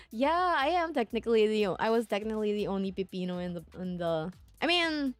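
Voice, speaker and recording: A young woman from the Philippines, a streamer telling a travel story in casual chat, acting out the people she quotes. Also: dry recording. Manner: animated, acts out quoted voices with high squeals.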